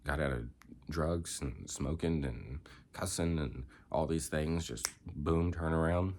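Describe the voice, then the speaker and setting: A man's voice: extremely low pitch, measured pace, a little mellow. A young man, congested, rambling reflectively in a candid personal vlog with many filler words. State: congested, coughing. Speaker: vlogger.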